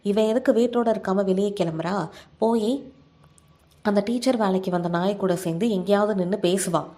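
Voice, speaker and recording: A man's voice: high voice, normal speed, a little mellow, lightly acted. A woman voicing a hot-tempered young village man who bullies his sister, speaking harshly and scolding. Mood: angry.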